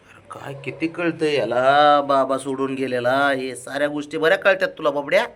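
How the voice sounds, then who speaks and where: A man coaxing and doting on his pet cat in soft baby talk, repeating gentle pleas over and over. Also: mid-range voice, fairly quick, a little hiss or hum. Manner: repeats soft pleading commands. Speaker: cat owner vlogger. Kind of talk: casual home pet vlog.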